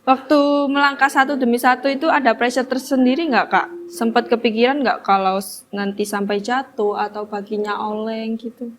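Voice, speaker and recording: A young woman hosting an interview, asking lively, curious questions in a casual, friendly way. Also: on the high side, normal speed. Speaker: interview host.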